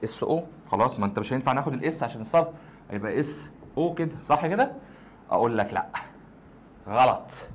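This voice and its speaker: Quick, lively Egyptian Arabic man teaching. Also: a little high. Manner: chatty, quizzing the listener and answering himself. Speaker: chemistry teacher. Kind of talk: casual classroom explanation.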